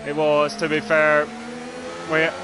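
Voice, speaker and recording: A man's voice: fairly high pitch, completely flat delivery, slow. A man doing live race commentary on a livestream of a sim racing event. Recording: clearly noisy, engine noise behind.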